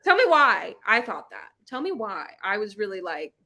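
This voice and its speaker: Big pitch swings mark this woman's medium-pitched, sharp-toned voice, delivered at a moderate pace. As host of a casual book chat livestream, she is playful and slangy, exclaims often, and spells out internet abbreviations.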